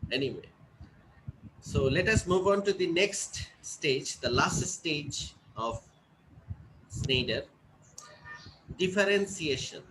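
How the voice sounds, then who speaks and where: A man teaching an English class, explaining step by step and often checking whether students follow. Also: fairly high pitch. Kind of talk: classroom lecture. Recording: noisy classroom recording.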